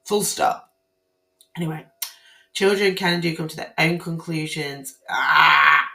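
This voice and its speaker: A family court commentator speaks casually to camera about guidance, her hoarse, croaky voice sitting a little low and gravelly yet pushed and bright. She is indignant and emphatic but unhurried, circling back and restarting her phrases. The room adds a noticeable, roomy echo.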